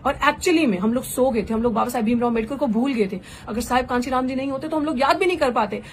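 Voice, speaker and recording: Woman activist going off in a fiery political speech, kinda high voice, bit of hiss behind. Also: fast talker. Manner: fervent, rhetorical, mixes English phrases. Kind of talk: impassioned live political address.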